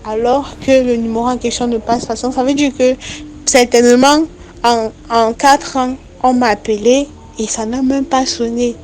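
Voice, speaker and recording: Halting young woman telling her story. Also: on the high side, steady tone, darkish tone, slight background noise. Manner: halting, repetitive, earnest recounting. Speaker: storyteller sharing a personal account. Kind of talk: spoken personal testimony.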